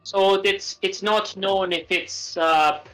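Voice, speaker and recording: A man's voice: high voice, fairly even intonation, slow, a bit bright, soft background music, rough recording. A man playing a tabletop game, hesitant and thoughtful, with wry understatement. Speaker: player. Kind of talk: casual tabletop play.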